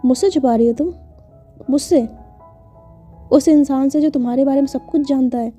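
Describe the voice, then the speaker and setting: A woman's voice: high voice, moderate pace, warm tone, natural voice. Woman voicing a bossy teasing best friend. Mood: pressing. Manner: teasing, insistent, scolding. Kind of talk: storytelling voice acting. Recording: dull lo-fi recording with faint music.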